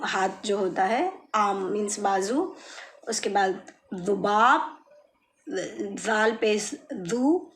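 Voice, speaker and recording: A woman teaching children Arabic words, patiently explaining and repeating each word slowly. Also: mid-range voice, fairly bright tone. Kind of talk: slow explanatory lesson.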